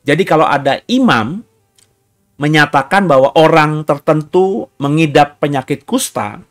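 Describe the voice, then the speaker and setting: A man pastor preaching a sermon, reading scripture aloud and acting out the cries of the people in it. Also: a little high. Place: church hall.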